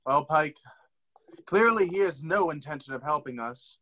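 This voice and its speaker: A man's voice: on the high side, lively intonation, moderate pace, sharp tone. A man playing an earnest questing hero who speaks in mock-formal tones that slip into plain talk.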